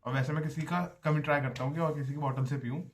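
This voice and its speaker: A man's voice: on the high side, steady tone, fast. A young man, a college student, telling a story in a chatty, casual vlog style, often addressing listeners as brother. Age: young adult.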